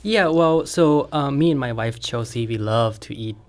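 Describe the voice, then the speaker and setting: A man from Thailand, a guest on a radio interview, speaking in a halting way with simple phrasing. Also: medium pitch. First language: Thai. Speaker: guest, home cook. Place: radio studio.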